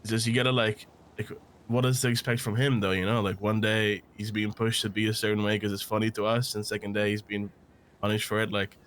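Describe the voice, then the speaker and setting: A man's voice: fairly low pitch, little pitch movement, fairly quick, a bit bright, slight background noise. A man insistently pushing back in an in-character argument, swearing as he makes his point. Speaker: roleplay gang member.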